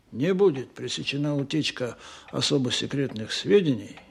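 An actor playing Stalin as a stern, menacing older supreme leader, deliberate and accusatory, in a radio play. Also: male voice, mid-range voice, vocal fry, breathy edge, heavily acted. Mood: threatening. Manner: slow, deliberate, accusatory, repeating questions.

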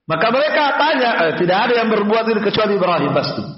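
A man giving a mosque study lecture, telling a story with lively voiced-out parts and Arabic recitation. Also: high-pitched, fast. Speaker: religious teacher. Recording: echoey muffled mosque recording.

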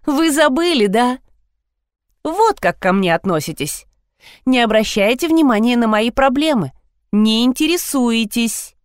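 A woman's voice: fairly high pitch, animated, measured pace, clean tone, no room sound, clean studio sound, pitched above the performer's own voice. A woman putting on a whiny teenage girl. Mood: offended. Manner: whiny, dramatic.

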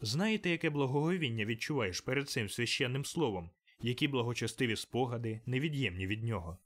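A man's voice: mid-range voice, expressive, brisk, natural voice. Man doing a cheerful, eager young nephew. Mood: eager, pleading. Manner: bright, eager, raised voice. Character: cheerful young male nephew, warm-hearted and pleading.

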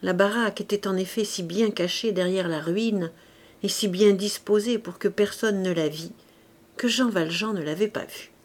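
A woman narrating a classic novel audiobook in a careful, even reading. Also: mid-range voice, normal speed. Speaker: audiobook reader.

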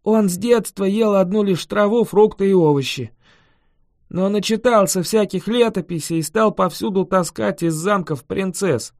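A reader voicing a chatty, boastful male dragon who huffs and protests loudly in an audiobook. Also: mid-range voice, no echo, studio quality, close to an everyday voice. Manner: indignant, emphatic, loud. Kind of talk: audiobook character voice.

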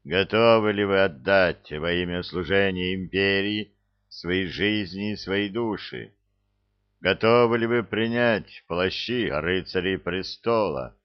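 A man's voice: deep voice, takes it slowly, lo-fi sound. A man reading an earnest young emperor. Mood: solemn. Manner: earnest, pleading. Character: young male emperor, former jester, earnest and remorseful.

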